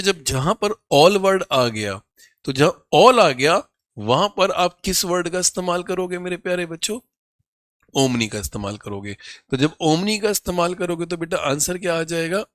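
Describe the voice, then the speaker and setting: A man with a hoarse voice, teaching an exam-prep vocabulary lesson in Hindi, speaking terms. He keeps calling the students his children and answers his own questions. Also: on the high side, fairly bright tone, dry recording. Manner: calls students "my child", asks questions and answers them himself. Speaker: English teacher for competitive exams.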